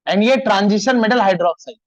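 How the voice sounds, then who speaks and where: A male chemistry teacher lecturing a class, slowly dictating formulas and telling students to stop chatting. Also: sits high, dry recording, low-quality recording.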